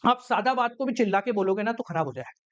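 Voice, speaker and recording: A man's voice: high-pitched, lively intonation, fast, fairly bright tone, dull audio. A man teaching a class in a casual, chatty way, explaining with everyday examples.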